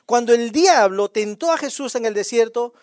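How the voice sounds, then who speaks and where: A man's voice: extremely high pitch, expressive, moderate pace, darkish tone, no echo, studio quality. A male pastor preaching a sermon in a conversational way, firing rhetorical questions at the congregation.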